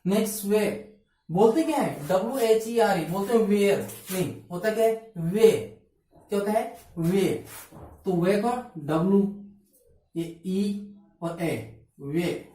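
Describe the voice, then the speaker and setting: A woman teacher gives a phonetics lesson in a mellow tone, asking a question and then answering it herself. She sounds a little distant from the mic, in a strongly echoing room. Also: mid-range voice, expressive, a little slow, pauses often. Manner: asks questions and answers them herself, spells letters out. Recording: echoey room, from far off.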